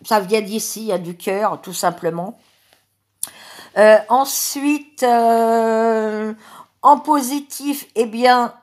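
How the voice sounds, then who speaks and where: A woman with a French accent talking casually and affectionately to her subscribers in a vlog, with many hesitations. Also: mid-range voice. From France. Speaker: YouTuber.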